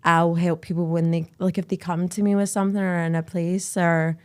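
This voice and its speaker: A woman's voice: on the low side, little pitch movement, brisk, smooth. A young adult Scottish woman hosting a podcast in a candid, chatty way, full of "like" fillers. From Scotland. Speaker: podcast host. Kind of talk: casual chat.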